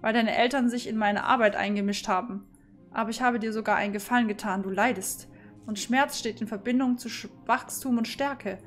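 A sinister old doctor who speaks with cold calculation, as a woman reads his lines. The voice sits a touch high and stays calm and measured. Faint game music plays underneath. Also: natural voice. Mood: menacing.

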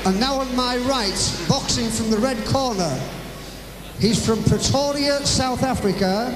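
A man acting as boxing ring announcer, formal, loud and drawing out his words into a handheld microphone. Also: extremely high pitch. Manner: loud, drawn-out, formal delivery. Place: boxing ring in indoor arena. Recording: echoing arena PA, clear background noise.

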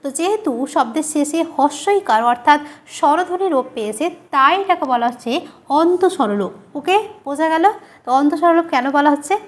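A high-pitched woman teacher, leading a grammar lesson. She spells out key terms slowly and repeats them. She asks questions and then answers them herself. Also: lively intonation.

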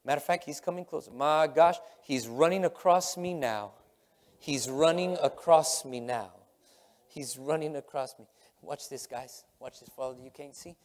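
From the stage of a big church sanctuary, a middle-aged pastor delivers an emphatic, repetitive sermon at normal speed in a fairly high voice. He moves from loud exclamations down to hushed murmurs, and the room adds a long hall reverb.

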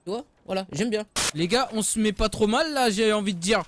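A young man streaming games, joking loudly, swearing and talking to his viewers. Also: sits high, fairly quick, a little hiss or hum. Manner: loud, joking, swearing often, talks to chat. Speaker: gaming streamer. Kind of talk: excited live gameplay commentary.

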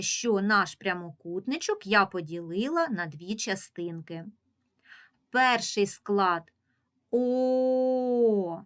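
A woman's voice: medium pitch, a bit bright. A woman teacher giving an early reading lesson to young children, patiently sounding out syllables and single sounds.

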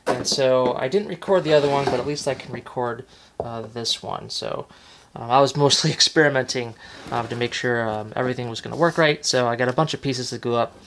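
A man casually talking through a hands-on model-building tutorial at his workbench, relaxed and chatty with lots of fillers. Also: medium pitch, brisk, a little hiss or hum. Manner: relaxed and chatty, many fillers, self-correcting. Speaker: model railroad hobbyist host. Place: workbench indoors, off camera.

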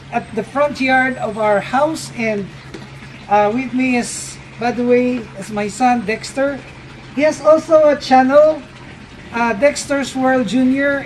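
A middle-aged Filipino man speaks in a very high-pitched voice, with a slight hiss or hum in the audio. He is at an outdoor fish farm, casually walking viewers through fish breeding in a vlog and calling them "guys" as he explains.

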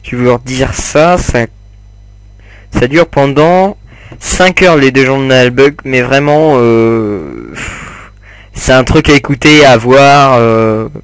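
A young man talks through his gameplay in a loose, unhurried ramble, stopping often on fillers and asides to the people watching. His voice sits at an ordinary middle pitch and sounds close and dry, with no room around it. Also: expressive, clear, resonant tone, no room sound. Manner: rambling, many fillers, chats to viewers while playing. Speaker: gamer commentating his play. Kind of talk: casual gameplay commentary.

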